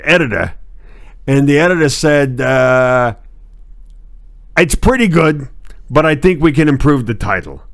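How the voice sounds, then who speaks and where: A man co-hosting a comedy stream, telling rambling absurd stories in a deadpan way. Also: mid-range voice, no room sound, studio quality. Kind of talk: improvised comedy banter.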